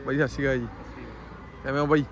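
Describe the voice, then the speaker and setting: A man's voice: medium pitch, level tone, racing. A man with a Punjabi accent hosting a casual vlog, teasing his friends in colloquial banter and peppering them with questions. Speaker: vlog host.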